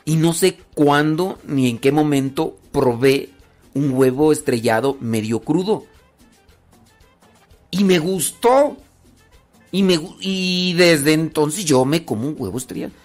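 A man's voice: on the high side, measured pace, a little mellow, faint music behind. Mexican man giving a casual moral talk. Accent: Mexican Spanish. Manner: conversational, acts out little scenes, frequent fillers.

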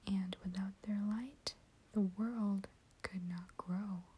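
A woman hosting her own channel, reading a short story aloud in a soft, steady whisper. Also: mid-range voice, takes it slowly, a little hiss or hum.

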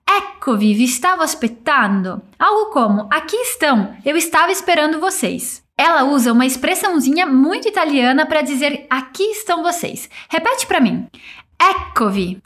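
A woman teaching a language, modelling short phrases slowly for listeners to repeat. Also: high voice, big pitch swings, fairly bright tone. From Brazil. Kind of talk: guided pronunciation drill.

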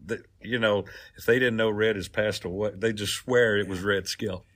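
A man's voice: fairly low pitch, fairly even intonation, normal speed, a bit bright. A man, co-hosting a podcast in casual interview chat. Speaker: podcast co-host.

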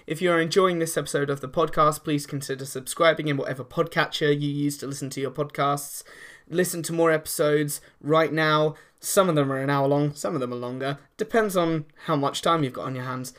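A man's voice: a little high, steady tone, fairly quick, fairly bright tone. A young man hosting a podcast, chatting casually with plenty of fillers and laughs. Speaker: podcast host. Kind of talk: casual chat.

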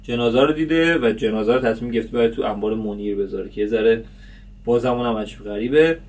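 A man's voice: mid-range voice, a little mellow. A man chats through a casual episode review for his vlog. He rambles with lots of fillers, and his voice sits a little distant from the microphone. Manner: chatty, many fillers. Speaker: series reviewer host.

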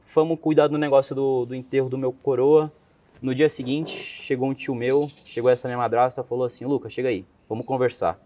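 Mellow and fairly quick, his mid-range voice stays level as the young Brazilian guest recounts something from his life. The talk is loose and slangy, wandering, with lots of self-quotation in a Brazilian Portuguese accent.

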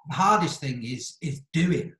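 A man talking casually on a podcast in a thoughtful, halting way, rephrasing as he goes, in an echoey room. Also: fairly high pitch, expressive, a bit bright.

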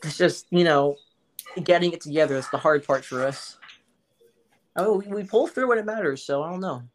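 A man's voice: on the high side, normal speed, a little hiss or hum. A man co-hosting a casual gaming chat, joking and crude, often laughing. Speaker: podcast co-host.

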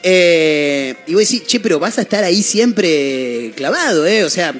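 A man's voice: high voice, lively intonation, a little slow, faint music behind. A man with a Rioplatense Spanish accent hosting a radio show, easygoing and chatty, speaking to his listeners. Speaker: radio host. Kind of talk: casual radio chat.

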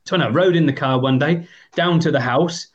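A man's voice: on the high side, moderate pace. English man in his fifties, lo-fi line. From England. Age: 50s. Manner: rambling, hesitant with frequent ums. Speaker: guest. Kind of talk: storytelling in a podcast interview.

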